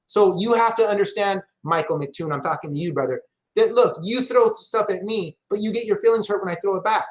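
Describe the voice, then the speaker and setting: Brief: man in his forties, high-pitched, combative debater, boastful, keeps calling people brother. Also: brisk, low-quality recording. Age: 40s. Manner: combative, boastful, repeatedly calls others brother. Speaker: debate guest. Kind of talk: heated online debate.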